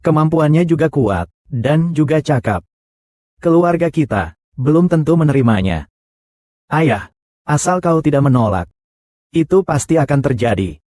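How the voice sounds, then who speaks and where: A man's voice: a little high, expressive, unhurried, long pauses, warm tone, no echo, clean studio sound. A man voicing the characters of a dubbed short drama, with a scornful, confrontational delivery.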